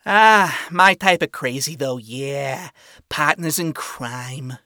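A man's voice: fairly high pitch, takes it slowly, sharp tone, no echo, studio quality. A man voicing a world-weary, flamboyant male spider demon who swears and talks in slang, in a fan fiction reading. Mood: wry.

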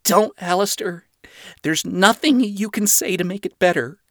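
A man's voice: sits high, measured pace, dry recording, studio quality, pitched above the performer's own voice. A man voicing a heartbroken young demon princess who speaks in tearful despair.

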